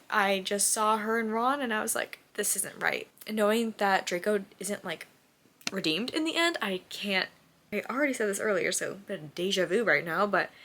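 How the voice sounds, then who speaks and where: In a bright-ish, mid-range voice, a female book vlogger reacts emotionally to a book. She keeps things casual and effusive, talking emphatically and peppering her sentences with "like."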